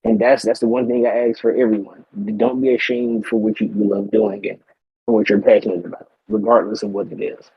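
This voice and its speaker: A man's voice: on the low side, flat delivery, fairly quick, dull audio, slight background noise. A man hosting a podcast interview, polite and encouraging, with somewhat wordy phrasing. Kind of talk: casual interview.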